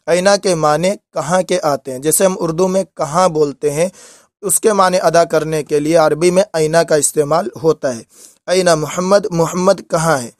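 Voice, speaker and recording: Male teacher, fairly high voice, slow repeated examples, dry close sound. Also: darkish tone, no echo. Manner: repeats each example slowly. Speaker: Arabic teacher. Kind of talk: lesson.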